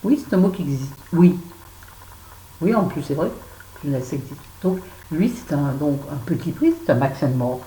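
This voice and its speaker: A woman chatting to camera as a beauty vlogger, blunt and self-mocking, with lively asides. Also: sits low, normal speed. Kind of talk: casual chat to camera. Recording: echoey room with faint background noise.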